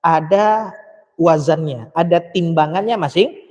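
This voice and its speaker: Male Quran teacher, high voice, unhurried, mosque lesson, long reverb. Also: darkish tone. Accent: Indonesian. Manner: alternates slow chanted Arabic verses with brisk explaining; demonstrates sounds by repeating syllables.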